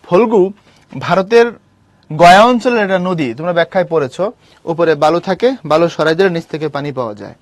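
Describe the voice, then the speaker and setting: A man leads a lesson, a little higher-pitched than most men. He talks to his students directly, in a lively way that teases and scolds them. The recording is dry, with no room sound. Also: fast talker, no room sound. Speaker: teacher. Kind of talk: online class lecture on a literature text.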